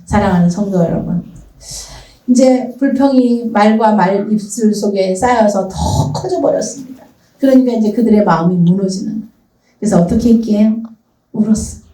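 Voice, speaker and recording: A woman pastor preaching a sermon in a church, telling the story with lively acted voices. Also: mid-range voice, moderate pace, reverberant, distant mic, rough recording. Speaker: senior pastor.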